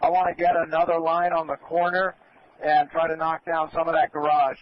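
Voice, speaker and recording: A male fire commander gives instructions on a dull-sounding radio channel with faint noise. His voice is slightly high and stays even in tone as he directs crews in an orderly, polite way. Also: brisk. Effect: two-way radio.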